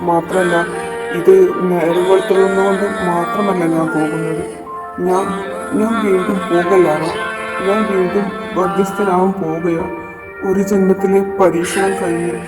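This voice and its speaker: A man's voice: sits high, level tone, measured pace. A man voicing a young male vampire who says a grave, tender farewell to his lover. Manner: soft, grave farewell speech. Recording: echoey room with long reverb, from far off, music behind.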